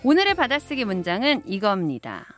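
A woman in her thirties hosting a radio dictation quiz, over-enunciating each word slowly and deliberately in a studio. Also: mid-range voice, wildly swooping pitch, a bit bright, faint music behind. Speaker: radio DJ and host. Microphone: studio desk microphone, close, through a face mask.

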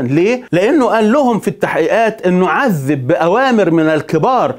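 A man with an Egyptian accent narrates a dark chapter of history in a high, rapid voice. He speaks straight to the listener and often turns indignant and rhetorical.

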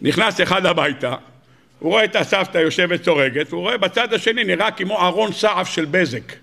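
Animated preaching rabbi, gravelly bright voice. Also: male voice, a little hiss or hum. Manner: animated preaching, rising to high emphatic peaks and acting out dialogue. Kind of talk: sermon.

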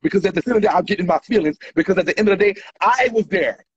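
Indoors, a man holds his phone out at arm's length and unleashes a profane, angry rant at his followers, repeating himself and gesturing wildly. His high voice comes rapid-fire, and the phone captures it with dull, lo-fi audio.

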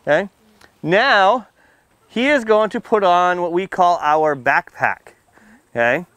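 Taking his time, a man with a high, fairly bright voice speaks as a firefighter to a small audience of seated children. They're outdoors under a tent canopy by a building, and there's no echo. His safety talk is simple and playful, peppered with questions, gentle teasing, and frequent "okay" and "right" check-ins.

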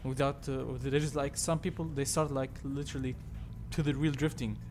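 A young man from Tunisia, not a native English speaker, hosting a sim-racing livestream, reading chat and answering in halting, filler-heavy talk. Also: mid-range voice, flat delivery, slight background noise. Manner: halting, filler-heavy, reads chat aloud and thanks subscribers. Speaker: livestream host. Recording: loud game music behind voice.

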